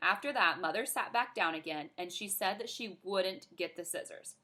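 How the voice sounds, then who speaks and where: A woman reading a children's book aloud in an expressive, animated way. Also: fairly low pitch, moderate pace. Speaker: reader.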